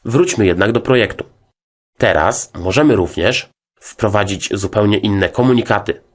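Speaking at a normal speed with a fairly low pitch, this music software instructor works through his scripted tutorial. His narration stays formal, methodical and explanatory.

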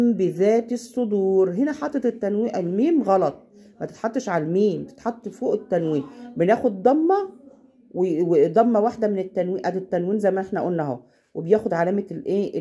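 A woman with an Egyptian Arabic accent tutoring a child at home, patient and slowing down to demonstrate recitation. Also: medium pitch, warm tone, slightly rough. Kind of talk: casual home lesson.

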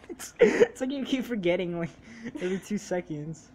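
A young woman giving casual gaming commentary, bossy and teasing as she coaches her sister, sometimes breaking into exasperated yelling. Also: on the low side, expressive, normal speed, slight background noise.

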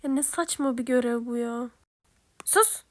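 A woman voicing a casual role-play story with chatty slang and quick banter. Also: fairly high pitch, a little mellow, no room sound. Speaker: role-play narrator voicing all characters.

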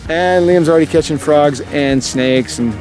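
A man in his forties, a vlogger dad, narrates a casual family camping vlog at a wooded campsite, holding the camera at arm's length and joking playfully. His voice is on the high side, a little mellow, at a moderate pace. Faint music plays behind a low-quality recording.

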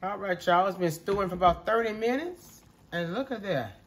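A congested man narrating a casual cooking video from his home kitchen, relaxed and chatty, talking to viewers as y'all. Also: high voice, normal speed, a little hiss or hum. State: congested, coughing. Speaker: home cook.

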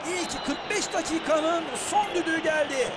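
A man doing excited, dramatic football play-by-play commentary, shouting emphatically and screaming at big moments. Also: very high-pitched, normal speed. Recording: very loud noise behind the voice.

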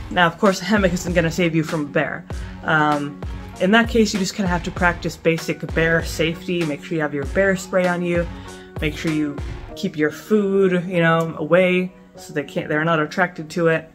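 A young woman in her twenties giving casual camping advice to the camera at home, chatty, with lots of fillers and restarts. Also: lowish voice. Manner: chatty, gestures a lot, many fillers and restarts. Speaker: camping vlogger. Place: small indoor room at home.

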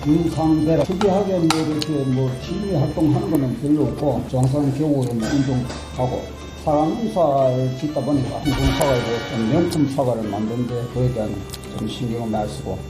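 A man's voice: medium pitch, brisk, few pauses. A middle-aged or older man, chatting casually. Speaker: apple farmer. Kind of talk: casual chat. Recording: roomy echo under music.

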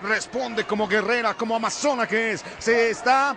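A man's voice: extremely high pitch, normal speed, vocal fry. A man with a Mexican accent giving live wrestling commentary in florid, formal phrases. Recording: loud arena crowd and noise. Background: roaring arena crowd.

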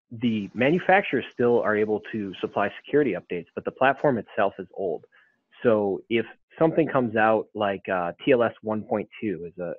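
A man with a low voice answers webinar questions in an explanatory way, often restarting his sentences. The sound is thin and phone-like. It is dry, with no room around it. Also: no room sound. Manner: explanatory, frequent ums and restarts. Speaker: webinar panelist.

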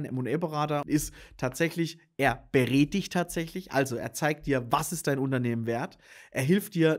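A man who runs a business consultancy, explaining earnestly and addressing the viewer directly, with frequent fillers and restarts. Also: fairly high pitch. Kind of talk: explainer monologue to camera.

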